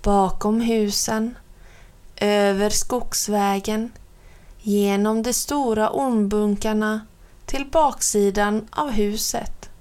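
A woman reading a children's storybook aloud in a gentle, clear storytelling manner. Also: medium pitch. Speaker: narrator.

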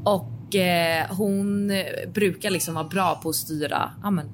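Animated woman laughing through chat. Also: on the low side. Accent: Swedish. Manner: animated, laughs often, swears casually. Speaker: podcast co-host. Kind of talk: casual chat. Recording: faint background noise.

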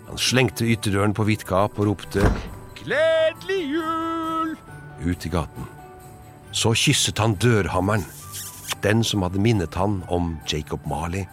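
A man giving an expressive, dramatic storybook narration. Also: low voice.

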